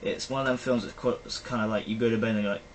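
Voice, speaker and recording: A man's voice: on the low side, fairly even intonation, very fast. Young british guy rambling about movies, lots of ums, slight hiss in the background. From Britain. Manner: rambling, chatty, trailing off with fillers. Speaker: vlogger. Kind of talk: casual film review chat. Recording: faint background noise, poor-quality recording.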